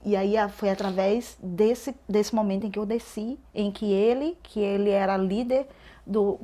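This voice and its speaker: A woman telling an emotional personal testimony as a podcast guest, swinging between loud and hushed delivery. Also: mid-range voice, fairly even intonation, normal speed.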